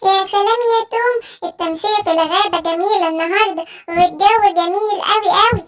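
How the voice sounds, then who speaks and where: A woman voicing a small timid cartoon cat in a children's story, squeaky and whiny. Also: quick pace, soft background music. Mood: cheerful.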